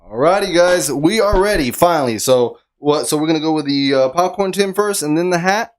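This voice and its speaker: A podcast host announcing a giveaway race in casual chat. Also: male voice, fairly high pitch, expressive, fairly quick, low-quality recording. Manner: upbeat announcer calls, laughs often.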